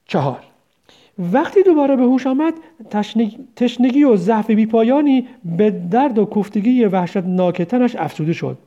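A man narrating a story aloud in a steady reading manner, with occasional slips. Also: high-pitched, highs cut off.

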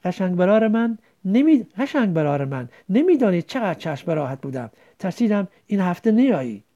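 A shy, affectionate teenage village girl, read by a woman speaks tenderly and pleads in a storybook reading. The tone is mellow with a gravelly edge. The pitch rises and falls freely. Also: very animated, lo-fi sound.

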